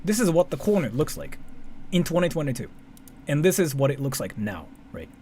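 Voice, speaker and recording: He speaks briskly in a warm, slightly high voice with big pitch swings: a Japanese man with a Japanese accent doing casual live commentary as a streamer. Rambling and repetitive, he keeps interrupting himself and swears casually, while faint noise sits in the background.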